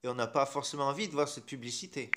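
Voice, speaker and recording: A man's voice: medium pitch, fast, noisy background. A man with a French accent hosting a casual phone tutorial, chatty and irreverent, with mild swearing. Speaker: tech tutorial host. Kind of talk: casual screen-recorded tutorial.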